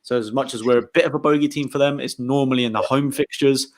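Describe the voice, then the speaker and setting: Young English man hosting a laid-back football watchalong, excitable delivery. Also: medium pitch, fast. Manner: excitable, shouts at the game. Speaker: channel host. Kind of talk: casual live match watchalong.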